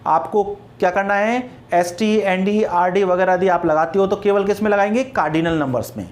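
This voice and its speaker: In a classroom-style grammar lecture, a man with a high voice explains slowly, repeating words and spelling them out letter by letter.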